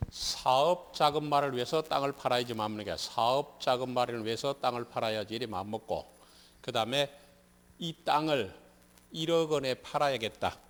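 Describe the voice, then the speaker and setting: A male law instructor with a Gyeongsang Korean accent lectures in a mid-pitched voice. He keeps quizzing the class with the same questions again and again. Long reverb from the classroom trails behind his words. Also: a little fast. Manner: drills students with repeated quiz questions. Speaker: civil law instructor for a real estate licensing exam.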